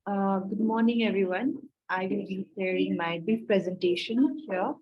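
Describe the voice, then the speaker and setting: A woman's voice: medium pitch, normal speed, muffled recording. A woman from Nepal giving a conference presentation, hesitant and full of fillers.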